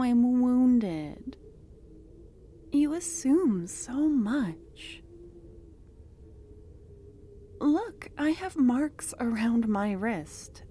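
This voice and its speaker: Tender and teasing, a woman plays an obsessive young cultist with a possessive streak in an ASMR fantasy roleplay, coaxing and soothing in a soft, breathy half-whisper. Her voice runs somewhat high, and there's a little hiss or hum in the recording.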